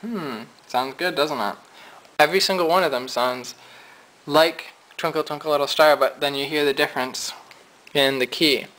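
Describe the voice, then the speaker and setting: A man's voice: a little high, steady tone, normal speed, noisy background. A man giving a casual, chatty piano lesson, explaining his points at the keyboard. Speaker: music teacher. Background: piano notes.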